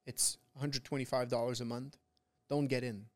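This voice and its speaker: At a moderate pace and medium pitch with little pitch movement, a trader who runs a trading community holds forth as a guest on a casual motivational podcast. He talks like a frat bro, with bro, dude, and profanity, and his preachy pep talk stays emphatic and repetitive to drive points home.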